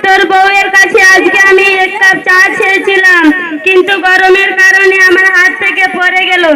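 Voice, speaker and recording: A woman's voice: very high-pitched, completely flat delivery, normal speed. A woman playing a frail pleading old mother-in-law. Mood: plaintive. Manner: plaintive, wailing lament. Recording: loud background noise.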